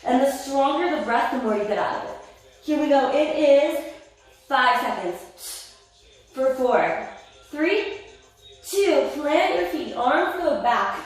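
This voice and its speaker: A woman's voice: high-pitched, expressive, takes it slowly, pauses often. A woman Pilates instructor cueing a workout and counting reps, encouraging and a little winded as she exercises along. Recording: roomy echo, distant mic, faint music.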